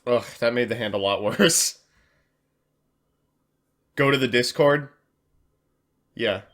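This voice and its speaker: A man talks casually through a card game on a live stream, reacting loudly to draws and reading chat aloud. His voice sits at an ordinary male pitch, and he laughs easily at his own jokes. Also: slow pace.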